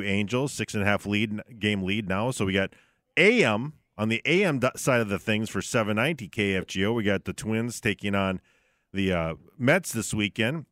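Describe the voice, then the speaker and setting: A male sports radio host co-hosts a show from a studio, speaking in a lowish, slightly bright voice with clean, studio-quality sound and no room echo. His talk is casual and conversational, frequently checking in with short tag questions.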